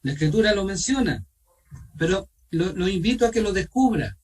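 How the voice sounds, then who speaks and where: A man with a Chilean accent teaching an online Bible study, asking his listeners questions and pausing with fillers. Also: high voice, lively intonation, darkish tone, breathy edge, far from the mic, poor audio. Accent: Chilean Spanish. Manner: asks questions of the group, repeats himself, pauses with fillers. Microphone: video call.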